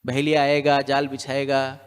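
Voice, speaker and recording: A man's voice: mid-range voice, monotone, moderate pace, smooth. A man giving a scripture lecture as a preacher, telling a story and repeating lines for the listeners to say back. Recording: long hall reverb.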